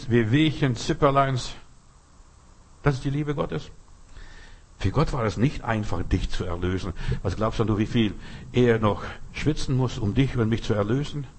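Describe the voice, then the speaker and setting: A man preaching a sermon, talking straight to the listener with vivid everyday images and sudden changes in loudness. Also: slightly rough. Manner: addresses listener directly, vivid everyday images, lively shifts in pitch and loudness. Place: Berlin.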